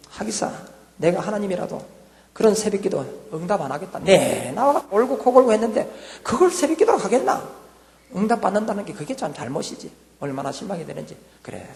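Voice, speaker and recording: Older man, Gyeongsang accent, high fast voice, church testimony, echoey hall. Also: gravelly. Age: 60s. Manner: lively storytelling, acts out voices of himself and his wife. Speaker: church deacon giving testimony.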